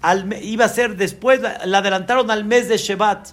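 High-voiced rabbi telling a story. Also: male voice, steady tone, moderate pace, a bit bright. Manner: dramatic storyteller, voices the women in his story. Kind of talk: sermon storytelling.

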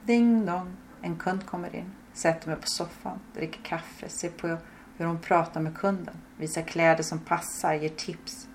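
Gravelly low-voiced woman narrating. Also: fairly even intonation, a little hiss or hum. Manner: terse present-tense fragments. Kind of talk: audiobook narration.

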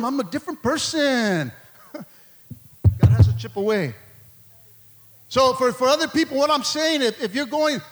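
High, bright-voiced preacher man. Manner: lively, joking preaching with frequent laughter and call-outs to the congregation. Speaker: pastor. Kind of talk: sermon.

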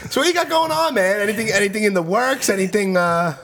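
A man's voice: high voice, expressive, quick pace, crowd noise. A man co-hosting a podcast in casual, colloquial chat. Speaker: podcast co-host.

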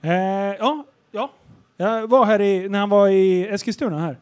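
Laid-back high-pitched man joking around. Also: darkish tone, clean tone. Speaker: podcast co-host. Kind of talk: casual podcast chat.

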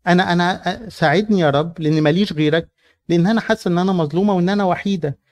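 A man's voice: sits high, racing, a little mellow, natural voice. A man with an Egyptian accent voicing a frightened, repentant sinful woman who pleads to be forgiven. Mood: pleading. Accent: Egyptian Arabic.

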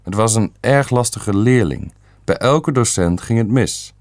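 A stern old great-uncle, voiced by a man, blunt and sure of himself in every judgement. The voice sits very low and deep, and it is recorded dry and close with no room sound. He states things flatly and leaves no room for argument. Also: unhurried, dry recording. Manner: stern, matter-of-fact.

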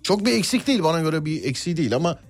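A man hosting a casual radio show, chatting playfully and telling stories in an animated way. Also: fairly high pitch, soft background music. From Turkey. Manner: animated storyteller, quick and playful. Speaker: radio host. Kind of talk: casual studio banter.

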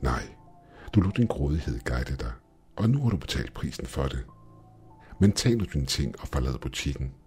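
A man's voice: a bass voice, animated, darkish tone, breathy edge, soft background music, full character voice. A man doing a smug, mocking demon shopkeeper. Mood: hissing. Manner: smug, taunting, hissing. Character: grinning goat-legged male demon shopkeeper, mocking. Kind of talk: horror story narration.

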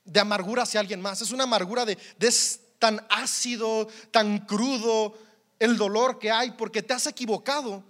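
A man's voice: high voice, steady tone, moderate pace, a bit bright. A man with a Mexican accent preaching a sermon in a conversational, humorous way, often repeating words as he goes.

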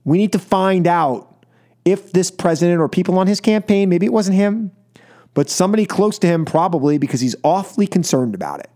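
An American talk radio host delivers political opinion monologues and takes calls, speaking emphatically and with exasperation. He often repeats phrases and asks rhetorical questions, in a high, mellow voice with lively intonation and a slightly fast pace.

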